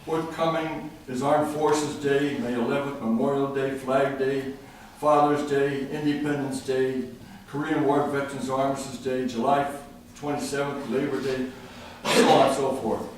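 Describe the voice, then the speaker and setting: A man's voice: mid-range voice, level tone, normal speed, hardly any pauses. Earnest older man in echoey chamber. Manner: earnest, patriotic, tells jokes. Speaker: public commenter at city council. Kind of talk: public comment speech. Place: council chamber. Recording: very echoey room, distant mic, faint noise.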